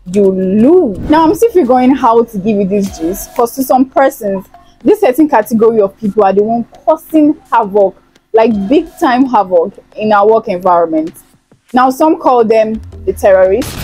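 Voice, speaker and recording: A young woman hosts a chatty gossip vlog, teasing and playful, speaking into a lapel mic in an indoor studio with a plain backdrop. Her voice is a little high and mellow, though the audio quality is poor.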